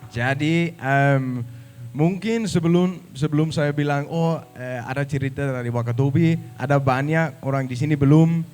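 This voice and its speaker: A man's voice: fairly high pitch, moderate pace, a little mellow, clean tone. A man from Denmark with a Danish accent, speaking Indonesian as a foreigner with some English mixed in, giving an informal talk to an audience. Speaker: guest speaker, travel YouTuber.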